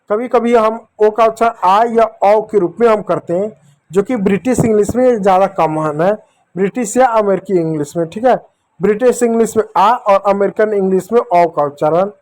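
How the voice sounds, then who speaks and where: A man teaching children a phonics lesson, going slowly through each letter sound. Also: high voice, a little mellow. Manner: slow, repetitive, drills each letter sound step by step.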